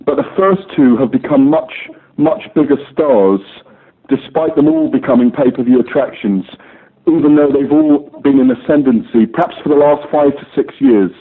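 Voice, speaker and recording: A man's voice: mid-range voice, normal speed, husky. A man, a sports journalist asking wordy, persistent questions on a press call. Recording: narrow telephone line.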